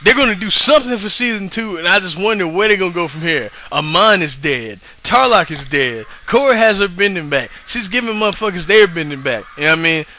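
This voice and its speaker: A man's voice: high voice, animated, brisk, few pauses, sharp tone. A man casually recapping an episode in a rambling, slangy way, swearing freely and often asking "you know what I mean?". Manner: profane, slangy. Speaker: show reviewer.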